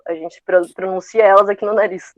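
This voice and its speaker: A woman's voice: medium pitch, steady tone, a little fast, no room sound, phone-quality sound. A woman teaching Portuguese over a video call, explaining accents in a conversational way. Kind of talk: online class explanation.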